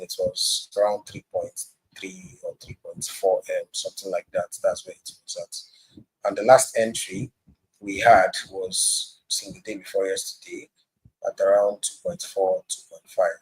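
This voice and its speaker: A man's voice: deep voice, fairly even intonation, normal speed, breathy edge, poor audio. A man on a video call, sharing his screen and walking through a price chart as he hosts a casual market analysis. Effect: voice heard over a video call. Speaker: crypto trading host sharing his screen.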